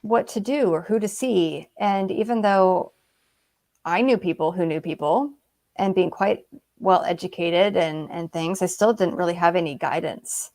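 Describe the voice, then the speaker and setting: A woman's voice: on the low side, unhurried, darkish tone. Woman guest author, conversational storyteller, filler-heavy, acts out what others said. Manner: chatty, many fillers, acts out quoted remarks. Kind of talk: casual interview storytelling.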